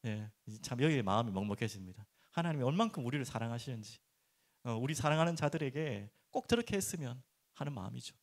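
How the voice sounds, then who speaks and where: A middle-aged man preaching a sermon as pastor, turning expressive when he acts out prayers and dropping soft and low for earnest points. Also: fast. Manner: animated, acts out prayers and complaints in raised voice.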